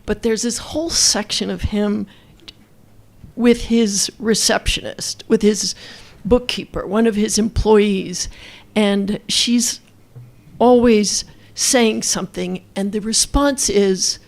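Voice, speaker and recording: Creaky-voiced woman, enthusiastic and rambling. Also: mid-range voice, fairly even intonation, slow pace, a little mellow. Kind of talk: spontaneous literary discussion.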